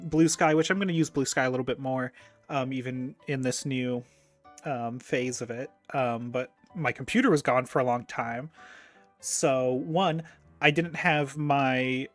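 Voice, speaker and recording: A man hosting a casual chat, talking in a rambling way full of ums and offhand swearing. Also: medium pitch. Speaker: host.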